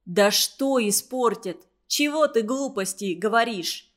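A woman's voice: on the high side, lively intonation, slow pace. A woman reading a children's story aloud, voicing a blunt schoolgirl who cuts others off curtly. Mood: sharp. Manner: curt, sharp. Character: sharp, blunt schoolgirl Katya.

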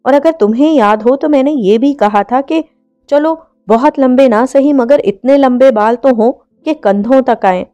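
A woman's voice: high-pitched, a little slow, dark tone, lo-fi sound, faint music behind. A woman voicing a hot-tempered young man who scolds his fiancée in a read-aloud story. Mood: exasperated. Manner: scolding, exasperated.

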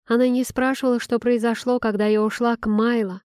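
A woman reading a first-person novel aloud in a calm, measured, emotional way. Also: on the high side, clean tone, no echo, studio quality. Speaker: audiobook narrator. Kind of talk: first-person audiobook narration.

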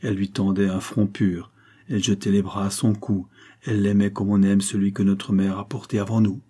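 A man reading a novel aloud, voicing a proud and commanding noblewoman with a forceful, insistent delivery. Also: on the low side, little pitch movement, a little fast, breathy edge.

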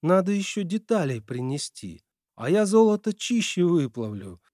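A man's voice: high voice, sing-song, normal speed, warm tone, no room sound, studio quality, voice pushed up. A man voicing an earnest, secretive teenage boy in an audiobook, explaining himself in a guilty, sincere way.

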